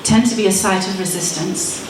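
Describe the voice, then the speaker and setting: At a moderate pace, a mid-range female voice carries an earnest, persuasive debate speech with wry asides. The speaker is in her thirties, from Malawi and raised in Zimbabwe, recorded on a distant mic in a very echoey, noisy hall.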